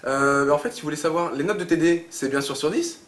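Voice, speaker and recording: A man's voice: a little high, a little fast, fairly bright tone. Hesitant man caller, echoey. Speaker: caller in a sketch. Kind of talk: comic sketch acting. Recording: echoey room, faint noise.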